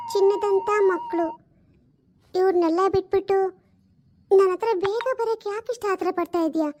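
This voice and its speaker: A woman voicing the gentle, sorrowful ghost of a dead wife who speaks unseen, pleading slowly and tenderly. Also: extremely high pitch. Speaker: spirit speaking unseen to her husband.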